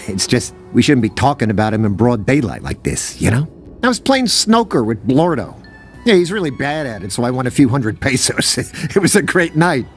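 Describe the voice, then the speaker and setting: A man's voice: mid-range voice, close to an everyday voice. A man voicing a jittery rambling alien local. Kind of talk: video game dialogue.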